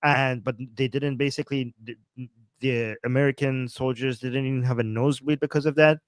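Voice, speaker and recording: A man with a Persian accent hosts a casual political livestream, excited and rambling with many fillers and restarts. His voice is medium-pitched and a little fast, with no room sound.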